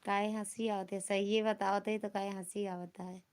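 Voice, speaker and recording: A woman's voice: mid-range voice, little pitch movement, normal speed, a little mellow, clean tone. A woman with an Awadhi accent hosting a casual live stream, bantering with viewers in a teasing, rustic way. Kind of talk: casual live chat reading comments.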